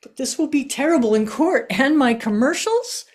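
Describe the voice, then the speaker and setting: A woman playing a vicious, cynical lawyer in an improvised comic scene, talking brashly and deadpan over a video call. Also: high-pitched, moderate pace. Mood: panicked.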